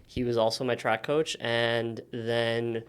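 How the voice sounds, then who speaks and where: A man in his thirties from Miami whose first language is Spanish talks through his background in a relaxed interview, pausing often on "um". His voice is smooth and resonant, and his pitch sits in a middle range for a man. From Miami, United States. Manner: relaxed storytelling with frequent "um" pauses. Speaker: podcast guest. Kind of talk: casual interview conversation.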